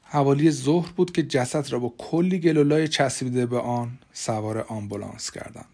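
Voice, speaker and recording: A man's voice: medium pitch, darkish tone. Man narrating an audiobook. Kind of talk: scripted narration.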